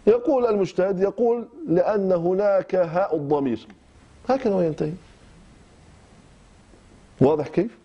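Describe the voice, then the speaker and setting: A man's voice: high-pitched, moderate pace, long pauses, husky. A man from Iraq with an Iraqi Arabic accent, teaching recitation rules in short phrases with frequent hesitations and restarts. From Kirkuk, Iraq. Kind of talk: explaining recitation rules in class. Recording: dull lo-fi class recording.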